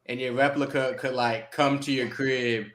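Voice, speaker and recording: A young man on a livestream panel, speaking in a relaxed, slangy way. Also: mid-range voice, normal speed. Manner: relaxed, slangy, enthusiastic recommending. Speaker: panel guest. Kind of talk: casual chat. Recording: roomy echo.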